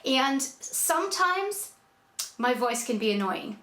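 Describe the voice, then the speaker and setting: A woman's voice: high voice, big pitch swings, slow, bright, forceful tone. A woman hosting a paper-folding tutorial, talking casually with fillers and restarts. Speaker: origami tutorial host.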